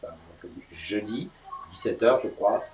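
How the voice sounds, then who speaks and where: A man's voice: on the low side, moderate pace, a little mellow. A man hosting a live morning show, chatting casually and upbeat, announcing news and teasing his co-host. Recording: distant, roomy, dull sound.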